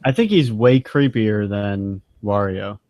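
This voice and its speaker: A man's voice: lowish voice, takes it slowly, a little mellow, no echo, clean studio sound. A man co-hosting a casual web show, chatting loosely and joking around. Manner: joking, quotes others in put-on voices. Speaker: co-host. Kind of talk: casual chat.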